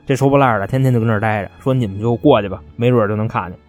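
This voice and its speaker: A man's voice: lowish voice, very fast, faint music behind, natural voice. A man doing a sheepish teacher. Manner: sheepish, offhand. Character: sheepish male homeroom teacher.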